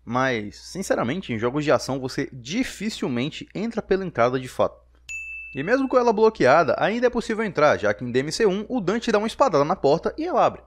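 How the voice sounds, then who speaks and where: A Brazilian man narrates a scripted, comedic game critique. His fairly high voice swings animatedly as he delivers sarcastic, exasperated remarks. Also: sing-song, a little fast, a little hiss or hum.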